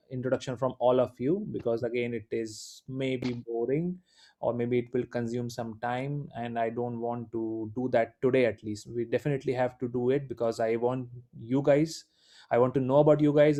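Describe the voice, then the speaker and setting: This live online class is run by an Indian-accented instructor whose native language is Hindi. He talks at a normal speed in a warm, medium-pitched voice with little pitch movement, keeping things informal and encouraging despite many fillers.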